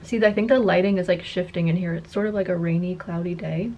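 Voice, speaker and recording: A woman's voice: lowish voice, fairly even intonation, quick pace, dull audio, a little hiss or hum. A woman in her twenties with a slight lisp that makes her s sounds slushy, chatting casually to camera as a content creator. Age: 20s. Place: carpeted attic-style room indoors.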